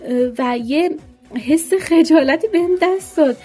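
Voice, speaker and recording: A woman recounting a childhood memory in a lively, animated way. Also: high-pitched, faint music behind.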